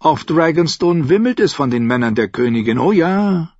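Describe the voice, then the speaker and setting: A sly old pirate merchant, coaxing and lilting, fond of calling everyone friend, as a man reads him. His voice sits high and husky. The recording is dull and dry, an audiobook. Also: expressive, normal speed, darkish tone, dry recording. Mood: confiding. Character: genial sly older male pirate merchant.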